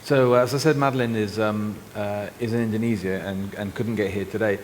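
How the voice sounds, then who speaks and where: A man moderating a panel discussion, relaying an absent speaker's points and handing over to panelists in a relaxed way. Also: on the low side, a little fast. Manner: relaxed, with fillers, relays comments and hands over questions. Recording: reverberant hall with faint noise.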